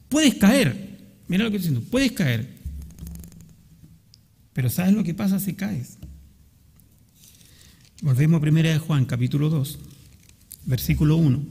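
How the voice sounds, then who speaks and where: A man's voice: a little high, gravelly, darkish tone, husky, big-room sound. A man with a Chilean accent preaching a sermon as pastor, earnestly checking that the congregation follows along. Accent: Chilean Spanish. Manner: earnest preaching, often asking the congregation questions. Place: church sanctuary.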